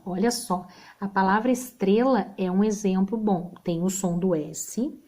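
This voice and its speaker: A woman's voice: medium pitch, mellow. Patient Brazilian woman teaching spelling. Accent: Brazilian Portuguese. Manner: patient, checks in with "tá?" often. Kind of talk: recorded remote spelling lesson.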